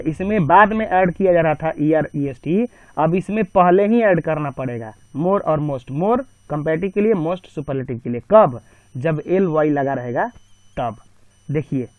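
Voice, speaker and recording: A man's voice: high-pitched, dry recording, narrow, tinny audio. A man teaching an English grammar lesson step by step, asking and answering his own questions. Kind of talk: screen-recorded grammar lesson.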